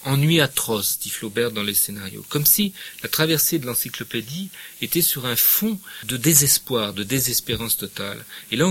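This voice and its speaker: A middle-aged man gives a literature lecture, reading passages expressively and then commenting with hesitant fillers. His voice is medium-pitched with a breathy edge.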